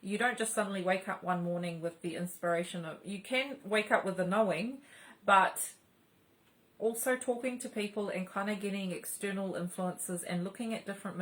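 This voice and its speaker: A woman's voice: mid-range voice, fairly even intonation, moderate pace, poor audio. A middle-aged woman hosting a spiritual channel, talking casually and rambling with many fillers and restarts.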